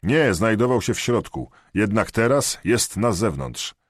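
A man voicing a hurried police dispatcher who shouts quick updates over the radio. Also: lowish voice, lively intonation, breathy edge, no echo, studio quality, voice pushed up. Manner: shouting, hasty.

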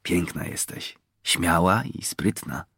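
Man reading a cocky young highland marksman, bold and teasing, gravelly tone. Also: sing-song, measured pace, no room sound, clean studio sound, exaggerated voice. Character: young male mountain poacher, proud and bold. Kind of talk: audiobook character reading.

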